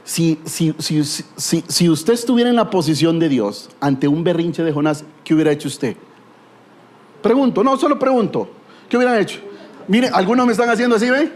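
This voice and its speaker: Animated Guatemalan preacher, fairly high voice. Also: male voice, moderate pace. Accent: Guatemalan Spanish. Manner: animated storytelling with rhetorical questions and humor. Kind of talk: sermon.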